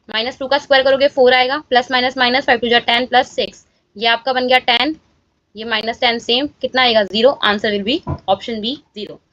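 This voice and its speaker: A woman's voice: sits high, fairly bright tone, dry recording, highs cut off. A woman teaching a maths lesson, walking students through each step of exam answers and checking in with them often. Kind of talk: exam-solution walkthrough lesson.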